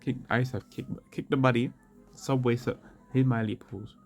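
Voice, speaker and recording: A man's voice: medium pitch, steady tone, brisk, vocal fry, darkish tone, soft background music. A tired young adult man who just woke up, chatting casually in a rambling, slangy way. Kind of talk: casual chat.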